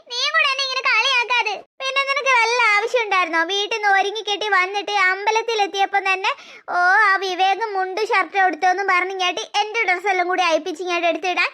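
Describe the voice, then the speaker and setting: A quick-tempered teenage girl from a cartoon. She grumbles and scolds in a very high, bright voice at a fast clip.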